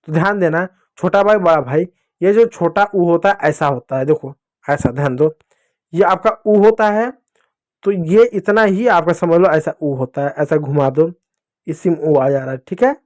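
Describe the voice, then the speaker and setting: High-pitched young male teacher, friendly and playful, slow repeated sounds for small kids. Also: a little mellow. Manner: friendly, explains with playful examples and repetition. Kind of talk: children's Hindi lesson.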